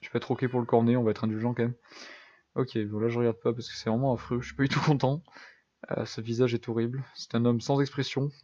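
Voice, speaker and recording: A man's voice: mid-range voice, little pitch movement, quick pace, warm tone, highs cut off. A young man giving casual, self-deprecating commentary over a building game, thinking aloud with lots of fillers. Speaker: gaming YouTuber.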